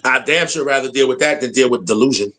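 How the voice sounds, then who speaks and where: Against a noisy background, an American commentator rants fast about politics in a mid-range voice. The rant is casual, blunt, and full of slang, with points repeated for emphasis.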